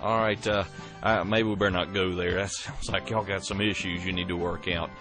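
Male DJ, loose and rambling, lowish voice, over soft music. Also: little pitch movement, brisk. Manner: rambling, filler-heavy. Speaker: radio DJ host. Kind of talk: comedy radio interview.

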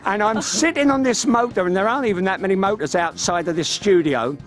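A London-accented man in his fifties appears as a radio guest in a studio, chatting casually and telling anecdotes. He talks fast in a high, slightly bright voice, wearing headphones at a studio microphone, with soft music in the background.

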